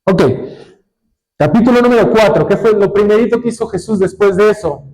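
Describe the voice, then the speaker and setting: Male pastor, high voice, preaching and quizzing the congregation. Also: a little mellow, rough recording. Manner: asks the congregation questions and waits for answers; reads scripture aloud slowly, drawing words out. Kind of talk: sermon.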